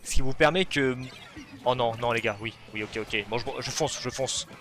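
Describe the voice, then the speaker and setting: A man giving live commentary on his own online match, excitable, shouting at plays and then talking himself down, on a desk or headset mic. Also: mid-range voice, normal speed, a little hiss or hum. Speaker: gaming video host.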